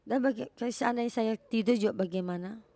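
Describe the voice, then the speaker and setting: A woman preaching a sermon in a halting way, repeating words for emphasis. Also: a little high, gravelly, mellow, no room sound.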